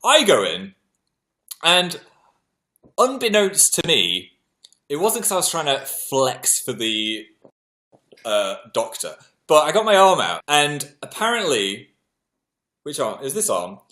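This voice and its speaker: A man's voice: a little high, wildly swooping pitch, slow pace, long pauses, pushed and bright. A man with a British accent hosting a livestream, chatting casually and telling self-mocking stories to his viewers. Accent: British English. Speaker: livestream host.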